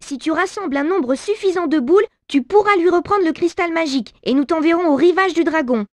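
A woman's voice: very high-pitched, a little fast, a little mellow. An actress playing an earnest, pressing young female faun heroine in a video game. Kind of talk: cartoonish video game acting.

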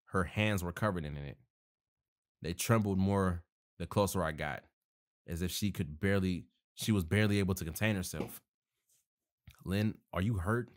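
A man's voice: deep voice, moderate pace. A man narrating a horror story, reading casually with self-corrections and joking asides.

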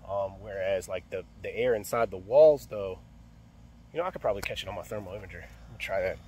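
This casual work vlog features a young HVAC technician with a fairly low, warm voice talking fast through a service call, thinking out loud with many fillers and restarts. A phone camera held close picks up a little hiss or hum, both outdoors by an AC unit and indoors in a closet.

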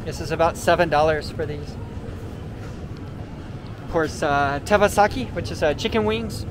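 This vlog host's voice sits on the high side, and he talks at a moderate speed while strolling through a big indoor supermarket. He points out products in a laid-back, explanatory way, filling pauses with frequent "uh"s. The audio comes from a camera mic he carries, so the store's background noise is clearly audible.

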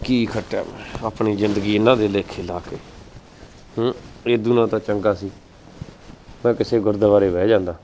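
An actor playing a complaining bachelor uncle in a Punjabi village family drama, speaking with a Punjabi accent. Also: male voice, a little high, a little fast, fairly bright tone, a little hiss or hum, natural voice. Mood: self-pitying. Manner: complaining, self-pitying.

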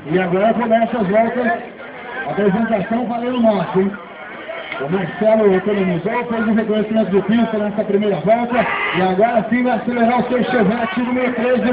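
A Brazilian man doing live motorsport commentary as an event announcer, mixed with informal, chatty banter for the crowd. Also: high voice. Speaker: event announcer at a drift show. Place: outdoor race track, heard from the spectator stands. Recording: muffled, echoey, distant PA amid loud engine noise. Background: loud car and vehicle noise.

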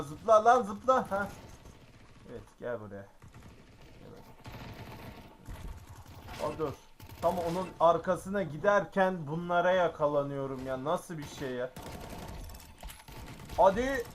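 Gaming YouTuber, male, raised-pitch voice, unhurried delivery, exclamatory and grumbly play-by-play. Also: slight background noise. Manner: excitable, exclaiming, grumbling at the game. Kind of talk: live gameplay commentary.

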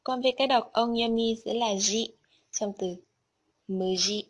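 Slow, breathy woman teaching Japanese vocabulary. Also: fairly high pitch. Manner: slow, careful explanation of vocabulary and kanji. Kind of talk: scripted lesson narration.

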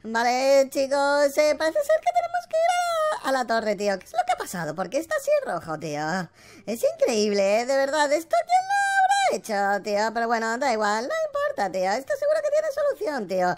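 A woman doing an excitable young police pup. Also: high-pitched, fairly quick. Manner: calls everyone "tío", laughing, excitable. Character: cheerful young male police pup, laid-back.

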